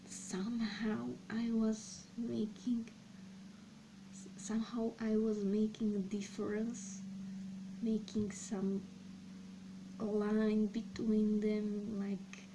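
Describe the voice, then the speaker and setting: Her voice is on the high side: a young woman vlogger from Serbia who grew up speaking Slovak and Serbian and runs a language channel. In casual personal vlog talk she speaks slowly and haltingly, thinking aloud with frequent pauses, against clear background noise.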